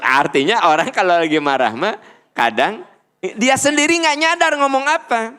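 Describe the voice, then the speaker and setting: Middle-aged man, Sundanese accent, lively preacher; slightly high voice, very expressive pitch, playful delivery. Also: normal speed, smooth. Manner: animated, playful, acts out little dialogues. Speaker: Islamic preacher. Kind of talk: lively religious lecture.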